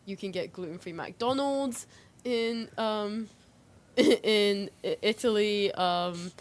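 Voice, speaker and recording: Speaking slowly at a medium pitch, a woman co-hosting a relaxed conversation sounds unsure, peppering her speech with "like" and similar fillers. There is a faint noise in the background.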